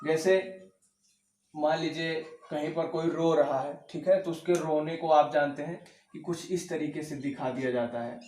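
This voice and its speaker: A man's voice: fairly high pitch, fairly even intonation, measured pace, a little mellow. A man teaching an exam-prep grammar lesson, asking questions and answering them himself, often checking with "okay". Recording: echoey room, mic at a distance.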